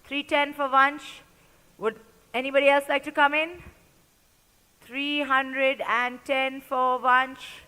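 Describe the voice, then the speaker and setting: A woman's voice: sits high, level tone, slow, sharp tone. A woman working as an auctioneer at a live event, calling out and repeating bids in short, clipped phrases. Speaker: auctioneer at a sports player auction. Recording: echoey large hall with long reverb.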